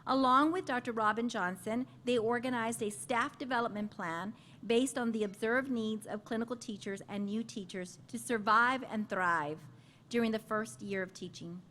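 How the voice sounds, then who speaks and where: Upbeat woman moderator with a bright, higher voice. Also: normal speed, a little hiss or hum. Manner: warm, upbeat praise of guests. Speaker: panel moderator. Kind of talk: reading introductions, then moderating.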